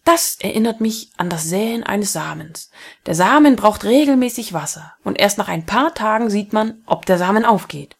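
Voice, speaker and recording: A woman voicing a good-humoured, gentle biology teacher in a read-aloud story, explaining firmly with a breathy tone. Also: medium pitch, lively intonation, normal speed.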